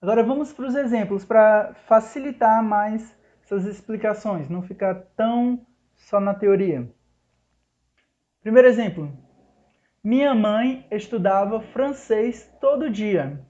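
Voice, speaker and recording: Brazilian teacher, unhurried and mellow, explains rules step by step; dull lo-fi recording. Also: male voice, high voice. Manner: explains step by step, slows down on English examples. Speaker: English teacher. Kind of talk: recorded online lesson.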